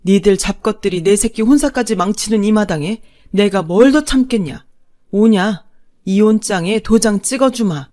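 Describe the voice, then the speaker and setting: A woman's voice: medium pitch, normal speed, mellow, natural voice. A woman voicing a fierce older mother-in-law who scolds with defiant force in a storybook narration.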